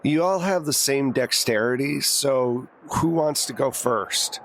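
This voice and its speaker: Running a tabletop roleplaying game, a man narrates the action in plain second person and calls for rolls in a relaxed, conversational manner. He speaks at medium pitch and unhurriedly. The audio quality is poor.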